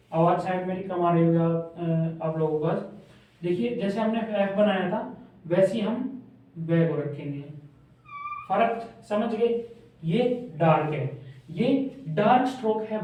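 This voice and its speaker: In a classroom, a man with a high-sitting, dark-toned voice goes over shorthand at the board, restating every point and making sure students keep up. The camera's microphone picks him up from across the room, so his voice is distant and heavily echoed.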